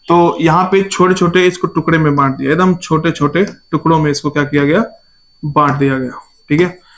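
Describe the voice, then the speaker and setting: A man's voice: on the high side, low-quality recording. A man from India giving a biology exam-prep lecture. He quizzes his students by repeating each key term as a question and calls them "babu.". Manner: irritated by shouting outside. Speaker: biology teacher.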